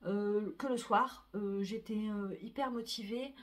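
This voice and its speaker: A woman's voice: medium pitch, a little slow. A middle-aged woman, chatting casually about her sewing and knitting projects, full of fillers and restarts. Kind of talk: casual chat to camera.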